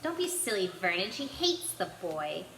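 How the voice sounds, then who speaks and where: A woman's voice: medium pitch, very animated, moderate pace, a bit bright. A woman voicing a fussy, snappish middle-aged aunt in a storybook. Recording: echoey room with background noise.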